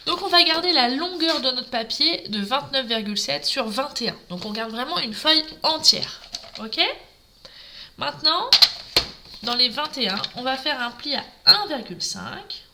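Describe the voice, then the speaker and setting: A woman's voice: high-pitched, expressive, normal speed, heavy background noise. A woman from Normandy leading a live papercraft tutorial, chatting and greeting viewers by name as she works at her craft table. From Normandy, France. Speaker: craft demonstrator.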